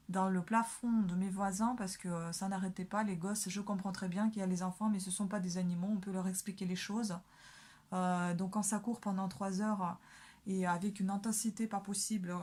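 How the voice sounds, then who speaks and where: A woman's voice: medium pitch, darkish tone. A young woman chatting casually while doing her makeup, full of hesitations and fillers. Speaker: beauty vlogger.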